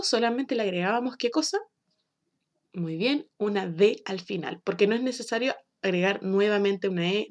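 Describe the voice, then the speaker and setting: A woman's voice: medium pitch, a little mellow. Patient woman teaching English. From Chile. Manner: slow, clear, patient explaining with drawn-out example words. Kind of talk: recorded online lesson for children.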